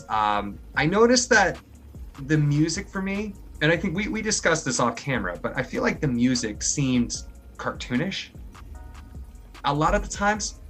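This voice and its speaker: A man hosting a podcast, reviewing a film in casual chat, rambling and excitable with swearing. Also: mid-range voice. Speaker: podcast host.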